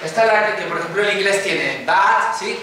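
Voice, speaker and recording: A man with an Andalusian Spanish accent speaks quickly in a high voice while teaching phonology. Explaining as he goes, he often asks students if they're following, and the classroom sounds echoey with a faint noise.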